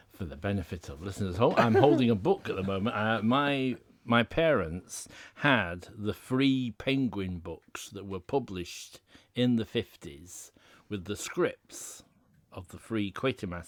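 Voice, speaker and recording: A man with a low voice talks eagerly on a podcast panel, laughing as he goes. The sound is dry and close, with no room around it. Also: fairly bright tone, dry recording. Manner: chatty, enthusiastic, laughs while talking. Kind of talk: casual chat.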